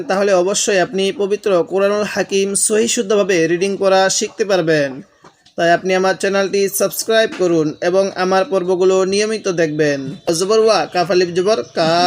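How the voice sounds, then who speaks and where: A man teaching Quran recitation, spelling each word letter by letter and then chanting it slowly, speaking directly to viewers as a patient instructor. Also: sits high. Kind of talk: spelled-out Quran reading lesson.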